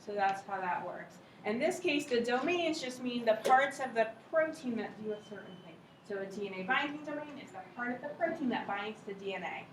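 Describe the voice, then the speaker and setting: A woman's voice: a little high, expressive, brisk, few pauses. A woman professor giving an informal, conversational lecture in a lecture hall, checking in with her students. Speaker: university lecturer. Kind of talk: classroom lecture on cell biology with questions to students. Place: lecture hall or classroom, recorded from some way off. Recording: roomy echo, distant mic, faint noise.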